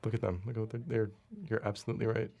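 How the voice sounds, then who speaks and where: Gravelly low-voiced writer chatting. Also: male voice, level tone, racing, mellow. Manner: earnest, appreciative, easygoing. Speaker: episode writer on a commentary track. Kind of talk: casual DVD commentary chat.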